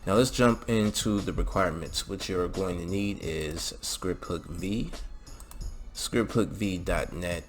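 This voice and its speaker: With background music running, a male game-modding channel host talks through a casual step-by-step tutorial in a low voice, a little slowly. He keeps it informal and instructional, frequently tacking "okay" or "all right" onto his phrases.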